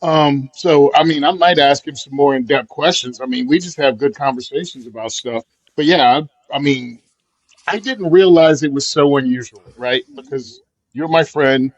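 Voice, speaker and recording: A man's voice: mid-range voice, normal speed, no echo, muffled recording. A man with a mid-range voice co-hosts a podcast in a dry, close recording. He speaks bluntly and with emphasis, now and then musing aloud and chuckling. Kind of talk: casual podcast chat.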